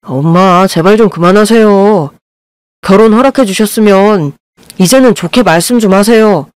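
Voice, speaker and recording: A woman's voice: mid-range voice, normal speed, a little mellow, no echo, lightly acted. Playful young groom, voiced by a woman, coaxing, light, dry sound. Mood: pleading.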